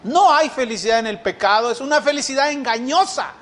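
Male preacher, very high voice, sermon delivery full of rhetorical questions and acted-out quotes. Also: animated, brisk, fairly bright tone. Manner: acts out quoted speakers.

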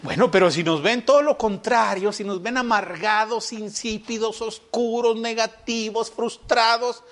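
A man preaching a sermon to his congregation, animated and full of repeated rhetorical questions. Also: high voice, unhurried, few pauses. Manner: animated, with mocking impressions of gloomy churchgoers.

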